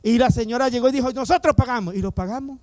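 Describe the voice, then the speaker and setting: A man's voice: very high-pitched, very fast, a little mellow, no room sound. A male pastor preaching an emphatic sermon, calling on the congregation to repeat his words and acting out the voices in his stories. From Latin America. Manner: emphatic, repeats lines and calls on the congregation to respond.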